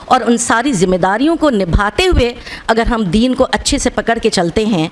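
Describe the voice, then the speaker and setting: Guest speaker: woman, slightly high pitch, earnest exhorting speech to children and parents in a school auditorium. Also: lively intonation. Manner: earnest and exhorting, often tags "right?" and mixes in English words.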